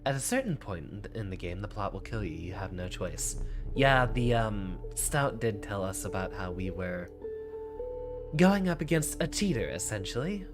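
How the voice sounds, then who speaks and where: A man's voice: fairly low pitch, animated, moderate pace. A man giving casual commentary as he plays a card game, boastful and thinking aloud. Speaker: streamer playing a card game. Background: music.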